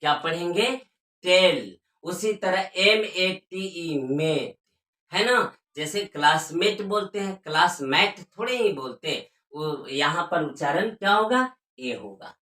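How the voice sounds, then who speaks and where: Slow, bright-voiced woman teaching. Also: lowish voice, animated. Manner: spells out letters and repeats words slowly for learners. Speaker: English teacher. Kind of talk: spoken language lesson. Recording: echoey room.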